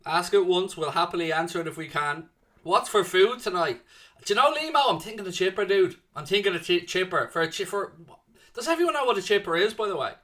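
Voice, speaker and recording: With a high voice, lively intonation and a sharp tone, this young man talks fast. He's from Ireland, has a South Dublin accent, and hosts a football watchalong stream where he chats casually and answers viewer comments. Chatty and jokey, he replies with "mate" and "man."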